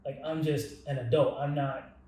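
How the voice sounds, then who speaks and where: Another young adult podcast co-host, this man has a mid-range, dark voice with fairly even intonation and normal speed. His casual chat rambles, full of restarts and "like" fillers. The room is very echoey, and he's far from the mic.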